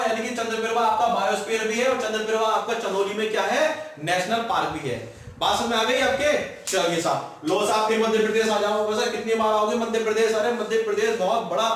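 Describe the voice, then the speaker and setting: A man's voice: high-pitched, a bit bright. A man teaching an exam-prep lecture, quizzing his students with questions and answering them himself. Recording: echoey room, far from mic.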